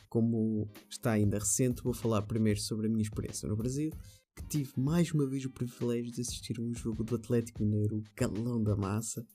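A man giving a conversational football podcast monologue, halting and repeating phrases at times. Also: mid-range voice, dark tone.

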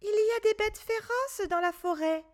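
A woman voicing a frightened young boy in a children's story, speaking high and childlike. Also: moderate pace. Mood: timid. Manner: childlike, fearful. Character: scared little boy, timid then relieved.

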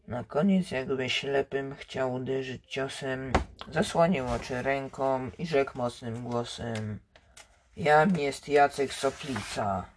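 A reader reciting epic poetry aloud in a slow, careful way, often restarting words. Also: medium pitch, a little mellow, slight background noise.

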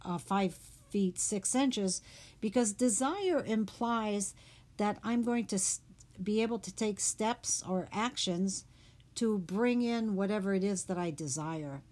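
A woman hosting a reflective talk on the meaning of words, speaking in an unhurried, thoughtful way with fillers. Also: medium pitch, a little mellow.

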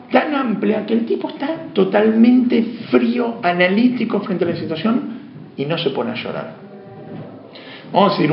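A man's voice: a little high, vocal fry, highs cut off, a little hiss or hum. Man lecturing in an echoey classroom. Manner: asks questions and answers them himself. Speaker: teacher.

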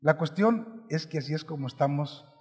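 A man preaching a sermon, praying softly and then asking his congregation to answer and repeat after him. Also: a little high, moderate pace, slightly rough. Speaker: pastor. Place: church sanctuary. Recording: large hall with long reverb.

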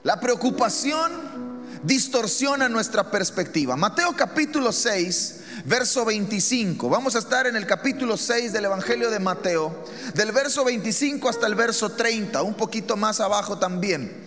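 A man's voice: high-pitched, animated, moderate pace, fairly bright tone, big-room sound, faint music behind. A man preaching a sermon as pastor, emphatic, with rhetorical questions to the congregation.

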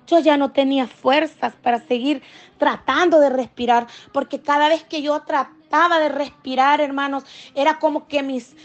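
A woman's voice: high-pitched, dull audio. A woman giving an emotional church testimony, earnestly addressing the congregation as brothers and sisters.

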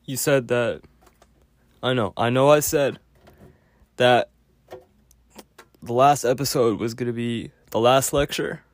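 A man giving a casual spoken lecture with a clogged nose, halting often with fillers and restarts. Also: mid-range voice, dry recording. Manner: halting, many fillers and self-corrections. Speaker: podcast host.

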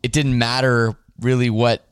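A Canadian man hosts his podcast and chats casually through listener questions, loose and rambling, backtracking often. His voice sounds smooth and resonant. The sound is close and dry, with no room around it. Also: mid-range voice, moderate pace, no echo. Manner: relaxed, rambling with fillers and restarts. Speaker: podcast host.

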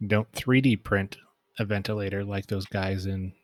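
Man, low voice, dry close sound, joking co-host. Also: steady tone, normal speed, no echo. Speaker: podcast co-host. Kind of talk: casual chat.

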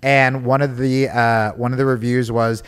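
At a normal speed and medium pitch, a young man's smooth voice carries a comedic, casual podcast chat. As host, he's animated and joking, performing quoted voices as he goes.

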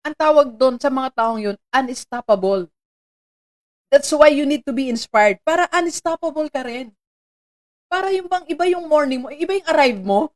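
A Filipino woman hosting a live-streamed motivational talk, chatty and animated, laughing often and greeting viewers by name. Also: high-pitched, moderate pace. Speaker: motivational host.

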